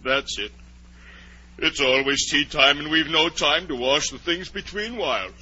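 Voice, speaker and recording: An actor playing a mad, touchy, fussy Hatter in a theatrical, blustering 1940s radio drama style. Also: male voice, on the high side, unhurried, sharp tone, breathy edge, heavily acted. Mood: aggrieved. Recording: muffled old 1940s radio recording.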